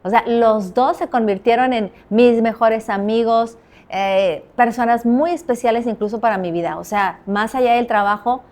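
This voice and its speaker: A woman journalist with a Mexican accent speaks in a fairly high voice at normal speed. As a guest in an interview, she tells anecdotes with animation, acting out the quoted dialogue in her stories.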